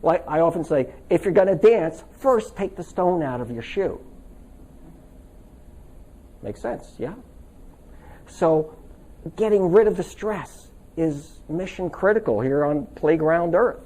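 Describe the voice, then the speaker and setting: Speaking slowly with long pauses, a lively man with a slightly high voice runs a stress workshop for a live audience in a seminar room. The talk is casual and chatty, with anecdotes and requests for the audience's agreement.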